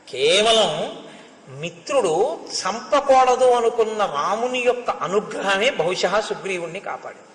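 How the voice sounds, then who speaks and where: A man gives a devotional storytelling discourse, expressively retelling scenes and chanting Sanskrit verses before explaining them. His voice sits high, bright and forceful, recorded in an echoey hall with long reverb.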